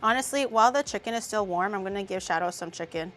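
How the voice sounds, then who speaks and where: A fast-talking woman with a mid-range, fairly bright voice cooks in her home kitchen while chatting casually on her livestream as a streamer and VTuber. Blunt and profane, she murmurs as she tastes things, and there's a little hiss or hum in the recording.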